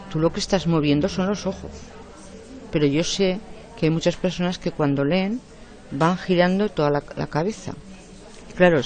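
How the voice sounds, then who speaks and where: A man lectures a room of exam candidates in a slightly raised voice. He explains step by step and checks in with quick tags to keep the class following. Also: fairly high pitch, a little mellow. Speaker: teacher coaching exam candidates.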